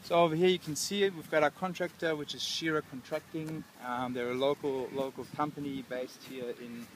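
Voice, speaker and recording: A man in his thirties with an Australian accent, a council project manager giving a relaxed walkthrough outdoors with many ums and restarts. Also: fairly high pitch, brisk, a little hiss or hum. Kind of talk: casual on-site walkthrough. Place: outdoors at a construction site. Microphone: lapel mic.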